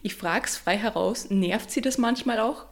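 A woman's voice: fairly high pitch, a little slow. A woman, interviewing and asking plain, direct questions.

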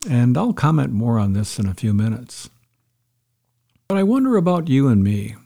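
A man giving a calm, reflective devotional talk as a pastor, retelling a story to make a point. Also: mid-range voice, creaky.

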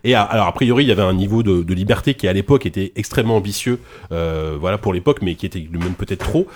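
A man's voice: deep voice, rapid-fire, darkish tone, slight background noise. A man hosting a video game podcast, rambling casually with many restarts. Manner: rambling, many restarts and fillers, laughs often. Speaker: podcast host.

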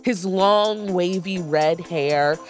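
A woman hosting a news podcast, delivering scripted narration in a lively storytelling way. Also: lowish voice, slow, faint music behind. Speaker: podcast host.

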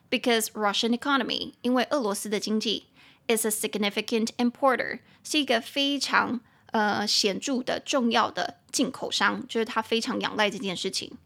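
A woman hosting a casual podcast lesson, translating phrase by phrase and spelling words letter by letter, chatty and quick to joke. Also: fairly high pitch, creaky, a bit bright. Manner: chatty and joking, laughs easily. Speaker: English teacher and podcast host.

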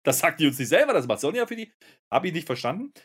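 A man's voice: on the high side, sing-song, fast talker, a bit bright, husky. A man co-hosting a casual wrestling recap podcast, ranting with exasperated sarcasm. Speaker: podcast co-host.

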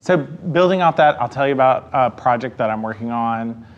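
Man, panel talk, casual and animated, mid-pitched voice. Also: moderate pace, lo-fi sound. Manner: casual, animated, says "like" and "right" often. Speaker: researcher. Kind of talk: panel discussion.

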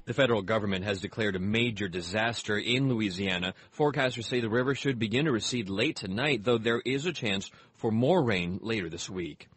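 Husky low-voiced male news anchor. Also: brisk, few pauses, a bit bright, no echo. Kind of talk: scripted radio news bulletin.

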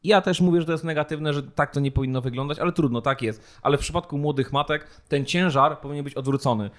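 A man's voice: on the high side, fast talker. A man co-hosting a casual podcast discussion, talking in an indignant, emphatic, colloquial way. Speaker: podcast co-host.

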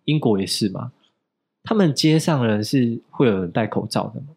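A man's voice: mid-range voice, expressive, moderate pace, creaky, a little mellow, slightly rough. A man with a Taiwanese Mandarin accent hosting a casual chat, firing teasing questions and jokes. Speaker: podcast host.

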